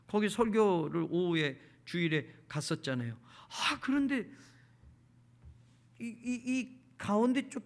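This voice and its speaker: Bright, animated male pastor preaching. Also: high-pitched. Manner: addresses the congregation directly, repeats phrases for emphasis. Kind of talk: sermon. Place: church service.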